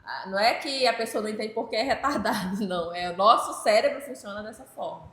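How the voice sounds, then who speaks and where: A woman taking part in a workplace meeting, explaining her point in a halting way with many restarts. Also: mid-range voice, a bit bright, reverberant. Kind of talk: casual explanation in a group discussion.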